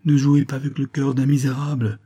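A man's voice: medium pitch, level tone, a little fast, warm tone, husky, voice pushed up, lightly acted. A man reading an audiobook, voicing a lovesick young man who pleads and laments in despair. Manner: plaintive, pleading.

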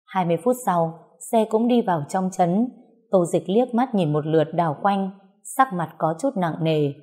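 A woman narrating a novel as an audiobook, reading in a steady, unhurried way. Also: lowish voice.

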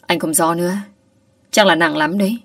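A woman voicing a brisk young man, a teasing friend, in an audio story, talking urgently. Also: lowish voice, steady tone, a bit bright, no echo, studio quality, recorded from a distance. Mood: hurried.

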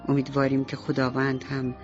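A woman narrating a radio bedtime story, speaking directly and warmly to the children listening. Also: very deep voice, completely flat delivery. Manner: warm, addresses children directly. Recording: slightly dull radio recording, soft music behind.

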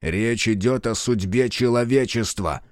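A man voicing a gruff, short-tempered male general in his seventies who speaks slowly and barks orders in an audiobook. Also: mid-range voice, dry recording, clean studio sound, lightly acted. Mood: stern. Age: 70s. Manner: slow, clipped, barking orders.

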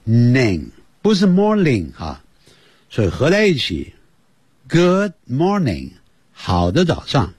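A man teaching a slow beginner language lesson for children and parents, repeating words many times. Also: fairly high pitch, huge pitch swings, darkish tone, husky, no room sound. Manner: slow, drawn-out demonstration with many repetitions. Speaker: English teacher.

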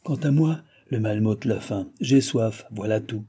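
A man's voice: fairly low pitch, a little slow, mellow, breathy edge. A man voicing a hot-tempered wounded nobleman who curses and blusters. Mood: angry. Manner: blustering, cursing.

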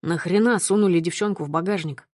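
A woman reader voicing a ruthless, short-tempered male boss who growls and barks his lines in a lowered voice. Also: fairly quick, a little mellow, no room sound, clean studio sound, natural voice. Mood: snarling. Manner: growling, barking.

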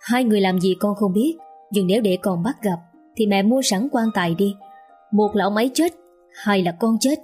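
A man's voice: high-pitched, normal speed, a little mellow, faint music behind, natural voice. A woman voicing a hot-tempered young man who speaks curtly and threateningly to his mother. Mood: angry. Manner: curt, demanding and threatening.

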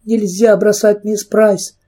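A man's voice: measured pace, dark tone, breathy edge. A man voicing a frightened young girl who pleads and sobs in a raised voice. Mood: tearful. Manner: pleading, sobbing, high-pitched.

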